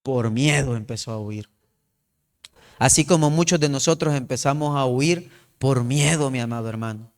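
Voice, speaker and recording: A man's voice: mid-range voice, moderate pace. A male pastor preaching a sermon, retelling the story and repeatedly calling the listener his beloved brother.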